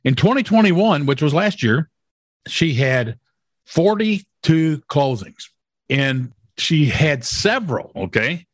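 A man hosts a promotional interview, speaking slowly in a fairly high, sing-song voice with no echo. He talks emphatically, repeats his points, and often checks in by asking "okay?".

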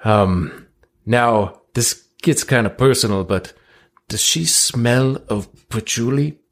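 Casting: male tabletop player, medium pitch, casual improvised role-play chat. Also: slow pace.

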